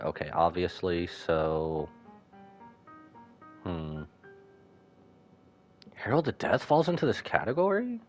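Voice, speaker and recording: With a lowish voice, a man streams a game while giving casual reaction commentary. He keeps it informal, muttering asides and tossing out exclamations.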